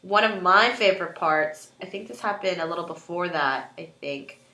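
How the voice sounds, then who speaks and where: A woman co-hosting a casual chat, excitable and chatty, often trailing off and restarting. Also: fairly low pitch, moderate pace, echoey room, slight background noise. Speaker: co-host.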